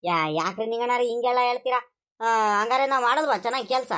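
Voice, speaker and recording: A woman voices a cheeky, always-hungry village farmhand in a cartoon, whining and complaining. The voice is high for a man and drawn out. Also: fairly bright tone, natural voice. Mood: whiny. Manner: whiny, complaining, drawn-out pleading. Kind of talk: animated cartoon voice acting.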